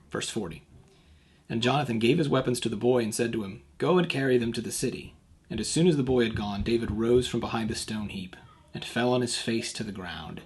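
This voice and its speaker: A man's voice: fairly low pitch, a little hiss or hum. A man giving a devotional talk as a youth pastor, reading the passage aloud and stopping to explain it in plain words. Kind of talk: devotional scripture reading and commentary.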